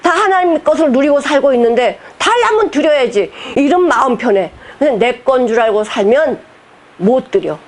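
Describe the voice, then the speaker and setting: A woman's voice: high voice, animated, normal speed. A woman pastor preaching a sermon, emphatic and direct, firing rhetorical questions at the congregation and slipping between formal preaching and casual speech.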